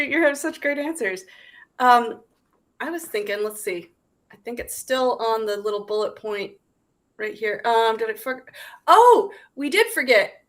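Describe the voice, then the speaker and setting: Colorado woman interviewing a poet, chatty and encouraging, says yeah a lot, kinda high voice. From Colorado, United States. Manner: warmly affirming, chatty, lots of agreement sounds. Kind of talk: casual interview conversation.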